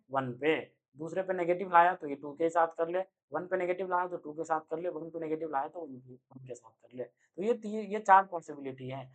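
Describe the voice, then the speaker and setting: A young man giving an energetic online chemistry lecture, speaking loudly and constantly quizzing his students with quick rhetorical questions. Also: fairly high pitch. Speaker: chemistry teacher. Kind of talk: online exam-prep lecture.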